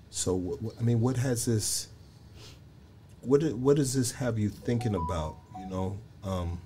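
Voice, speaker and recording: Halting, lower-voiced man in his forties. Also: warm tone. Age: 40s. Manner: halting, tag questions, many fillers. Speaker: interviewer. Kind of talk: casual interview.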